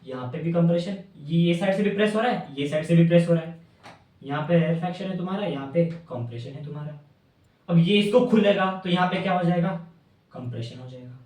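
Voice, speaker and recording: A man's voice: high voice, recorded from a distance. Man teaching in a very echoey room. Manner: playful, asks and answers his own questions, calls students "bhaiya". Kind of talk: animated classroom explanation. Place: classroom with a whiteboard. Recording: very echoey room, voice a bit off-mic.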